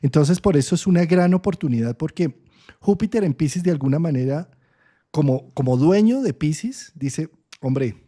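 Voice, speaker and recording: This is a man in his own voice, an astrologer walking through an idea in an unhurried chat. He sits a bit high in pitch, with a soft, dark, mellow tone. He thinks aloud, stops to check in with a quick "right?", and keeps his phrases open and thoughtful. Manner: frequent "¿sí?" checks, thoughtful and expressive. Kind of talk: conversational explanation in an online talk.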